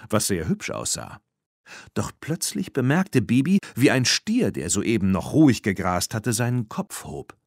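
Male audiobook narrator, lowish voice, very lively intonation, dry close sound. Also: no echo. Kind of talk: scripted narration.

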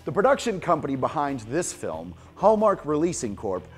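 A man's voice: on the high side, wildly swooping pitch, moderate pace, over loud music. A man hosting a late-night horror movie show, giving film trivia with sarcastic asides. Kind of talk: TV host segment, trivia with jokes.

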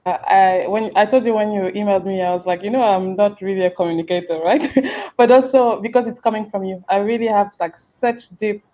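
A woman from Cameroon talks through a headset on a video call, her audio dull and slightly muffled. She is an interview guest who speaks in a warm, animated way, stopping and restarting her sentences and filling pauses with "um" and "uh.". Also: mid-range voice. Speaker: interview guest, feminist strategist. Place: indoor room with a plain wall.

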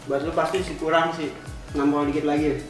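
Young male, high voice, casual banter while eating, clear music behind. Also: little pitch movement, a little fast. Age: young adult. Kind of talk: casual food challenge banter. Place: indoor room at home, at a table. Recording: echoey room, music behind.

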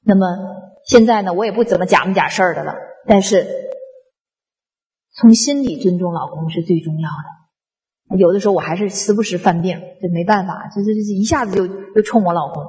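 A woman addresses an audience. She tells personal stories in a colloquial, animated way, acting out dialogue and often restarting her sentences. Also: mid-range voice, brisk. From northeast China. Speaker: public speaker on traditional culture. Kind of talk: storytelling talk to an audience.

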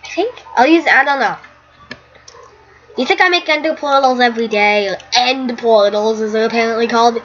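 A woman's voice: a little high, moderate pace, a bit bright, dull audio. A young woman talking casually over her own gameplay as a YouTuber, rambling and easily startled. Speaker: gaming YouTuber.

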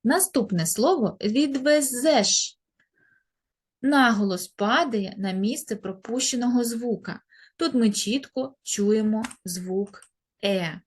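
Husky woman teaching grammar slowly. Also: fairly high pitch, darkish tone. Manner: slow, deliberate, stretching out example words. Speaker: primary school teacher. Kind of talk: grammar lesson for children.

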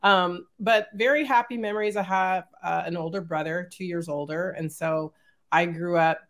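A middle-aged woman, an executive, telling childhood stories as an interview guest over a video call, animated and laughing often. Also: fairly low pitch, normal speed. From born in Germany, raised in Northern California. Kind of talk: casual storytelling.

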